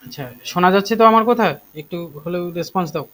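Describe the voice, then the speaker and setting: A man teaches an online lesson in a voice pitched a little high. He explains step by step, pausing on fillers and checking in with his students. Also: fairly bright tone, poor audio. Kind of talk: online class lecture.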